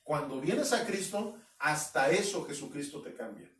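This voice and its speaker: A man preaches an expository sermon in a high, emphatic voice. He now and then mimics doubters mockingly. The sound is roomy and echoey, picked up from a little distance. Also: very animated, normal speed. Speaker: pastor. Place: at home. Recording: echoey room, mic at a distance.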